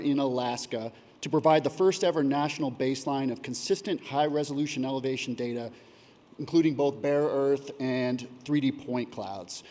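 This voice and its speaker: In a conference hall with a big-room sound, a man who coordinates data acquisition gives a prepared presentation. His voice is on the high side and a little mellow, and he reads steadily with the odd filler.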